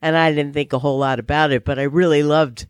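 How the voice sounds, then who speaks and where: Relaxed, reflective podcast co-host. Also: medium pitch, fast, clean tone, no room sound, clean studio sound. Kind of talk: casual chat.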